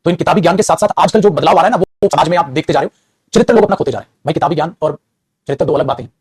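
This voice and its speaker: Guy teaching english in a classroom, talks super fast, husky voice, keeps calling students kid. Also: fairly high pitch. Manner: explains patiently, calls students "beta" (child) often; lectures with moral advice. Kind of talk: classroom lecture.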